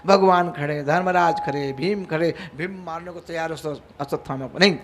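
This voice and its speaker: High-voiced dramatic male preacher. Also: normal speed, noisy background. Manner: dramatic, rising and falling in force. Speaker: religious storyteller. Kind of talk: devotional scripture recital.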